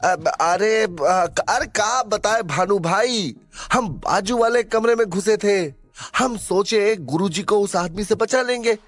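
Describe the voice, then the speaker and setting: A man voicing a nervous, flattering young sidekick with a Bihari accent, stammering and chatty in an audio drama. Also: extremely high pitch, slow pace, voice pushed up, exaggerated voice. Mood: flustered.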